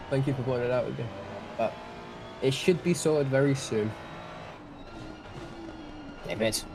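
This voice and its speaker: A young Welshman with a Welsh accent gives chatty, self-deprecating live-stream commentary on a sim race, often restarting his sentences. His voice is medium-pitched, with noisy background sound.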